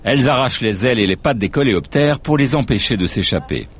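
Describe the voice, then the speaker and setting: A man's voice: medium pitch, lively intonation, fast talker. A man from narrating a nature documentary in a scripted, storytelling way.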